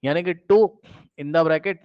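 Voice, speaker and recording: A man's voice: on the high side, slow pace, no room sound, muffled recording. Man drilling a chemistry lesson. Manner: repeats questions to students, drills step by step. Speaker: chemistry teacher. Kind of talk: exam-prep lecture.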